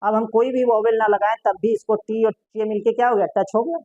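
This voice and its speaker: A woman's voice: on the high side, steady tone, fairly quick, mellow, no room sound, highs cut off. A woman teaching a shorthand lesson, asking her class questions and answering them herself.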